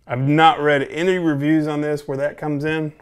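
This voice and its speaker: A man's voice: fairly high pitch, little pitch movement, moderate pace, smooth. Man musing through a casual review. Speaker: pipe tobacco reviewer. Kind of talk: casual unscripted product review to camera. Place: small home office, indoors.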